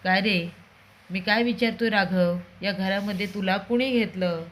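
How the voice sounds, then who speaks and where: A woman's voice: mid-range voice, a little slow, close to an everyday voice. A woman reading the lines of a stern, angry father who grills his family. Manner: demanding, interrogating.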